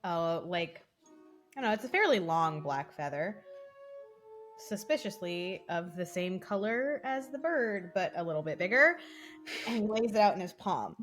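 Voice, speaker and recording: A woman's voice: on the low side, expressive, moderate pace, fairly bright tone, soft background music. A woman playing in a tabletop game, talking in a playful, casual way. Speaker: player.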